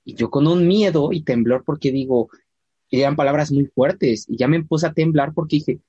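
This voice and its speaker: A man's voice: on the high side, breathy edge, dry recording. Man, casual storytelling, acts out voices, dry muffled lo-fi sound. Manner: animated storyteller, acts out quoted voices, slows down for emphasis. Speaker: church volunteer telling a testimony.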